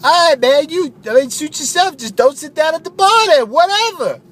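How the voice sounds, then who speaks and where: A man voicing an excitable barfly in a spoof radio ad who talks loud, high and shouting. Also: normal speed. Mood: excited. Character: excitable, shouting male barfly pushing a doctor.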